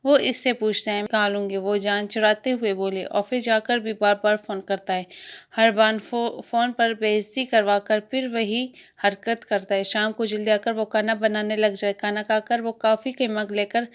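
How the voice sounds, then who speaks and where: A woman's voice: mid-range voice, steady tone, smooth. A woman with a Pakistani Urdu accent reading a romance novel aloud, voicing the dialogue as she goes and sometimes restarting a word. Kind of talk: storybook narration with voiced dialogue.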